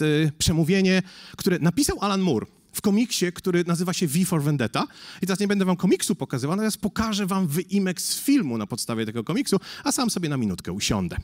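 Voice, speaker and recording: Lively, chatty male conference speaker. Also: sits high. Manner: chatty, jokey, asks the audience, many fillers. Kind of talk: casual conference presentation.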